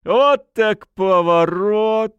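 A man's voice: a little high, wildly swooping pitch, slow pace, no echo, muffled recording, pitched above the performer's own voice, heavily acted. A man voicing a drunk, rowdy young village accordion player who hollers brashly and slurs his words. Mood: indignant. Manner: loud, slurred, brash hollering.

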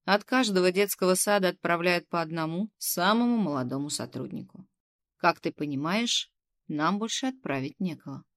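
A woman's voice: fairly low pitch, lively intonation, close to an everyday voice. A woman putting on a fussy, coaxing kindergarten boss. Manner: coaxing, bossy, quick to scold. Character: middle-aged female kindergarten head, fussy and coaxing.

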